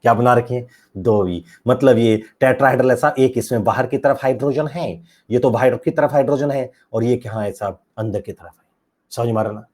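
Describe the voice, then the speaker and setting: A male chemistry teacher lecturing with lots of energy. His voice is mellow and warm, and it swings from loud, excited bursts to low, muttered asides. He often slips into acting out what his students say. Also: moderate pace. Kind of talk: animated classroom lecture.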